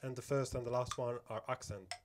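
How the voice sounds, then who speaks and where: A man's voice: medium pitch, fairly even intonation, brisk, background noise. Man teaching drums over metronome clicks. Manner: counts beats aloud, often checks in with "okay?". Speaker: drum teacher. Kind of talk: step-by-step music lesson.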